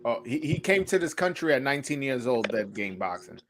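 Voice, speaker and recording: The young host of a laid-back live-stream interview jokes around, stumbles over and repeats his words, and slips into Spanish to translate for his guest. His mid-range voice swings widely in pitch and is fairly quick and bright.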